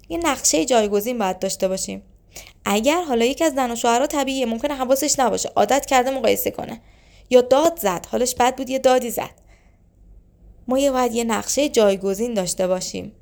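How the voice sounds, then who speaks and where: A woman's voice: medium pitch, a little mellow. A woman giving relationship advice, explaining points one by one and acting out short example lines. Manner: instructive, acts out short example lines of couples arguing. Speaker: relationship advisor. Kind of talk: advice talk to camera.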